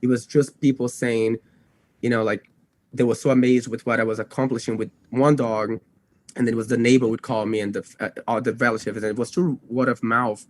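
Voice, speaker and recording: His voice is mid-range, level, slightly mellow and a little fast: a young native Portuguese speaker from Brazil, a dog trainer, chatting casually about himself on a podcast. He tends to ramble, keeps correcting himself, and peppers his speech with "like" and "you know."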